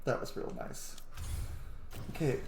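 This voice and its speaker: A streamer playing a role-playing game gives casual gameplay commentary, rambling and thinking aloud. The voice is slow with a darkish tone. The recording has a roomy echo and faint background noise.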